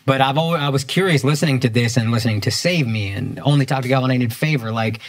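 A man's voice: mid-range voice, fast. A man hosting a podcast, asking questions in a thoughtful and slightly hesitant way during casual conversation. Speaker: podcast host.

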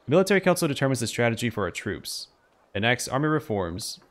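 A man's voice: mid-range voice, big pitch swings, fast talker, natural voice. A man voicing a dutiful, ambitious army captain with a formal, respectful manner, in game dialogue read aloud. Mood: matter-of-fact.

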